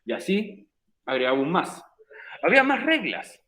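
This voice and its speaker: A man's voice: high voice, huge pitch swings, moderate pace, bright, forceful tone. A man teaching an English class, patiently repeating the rules step by step. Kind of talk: recorded virtual class explanation.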